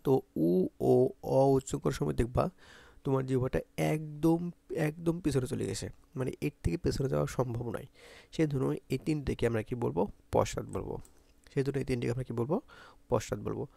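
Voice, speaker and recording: A man's voice: medium pitch, quick pace, creaky, dark tone, no echo. A man with a Bangladeshi Bengali accent teaching an exam-prep grammar lesson, repeating points and asking pupils to say sounds aloud.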